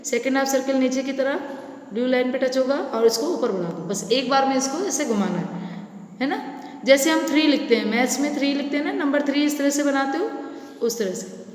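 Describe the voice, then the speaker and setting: A woman's voice: high voice, fairly quick, echoey room, in a large hall. A woman teaching nursery children to write letters, patiently asking questions and answering them herself. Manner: patient, repetitive, asks and answers own questions.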